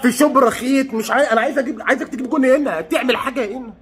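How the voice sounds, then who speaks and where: A young Egyptian man reacting live to a football match, excitable, shouting and pleading at the game. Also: very high voice, rapid-fire. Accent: Egyptian Arabic. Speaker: football fan vlogger.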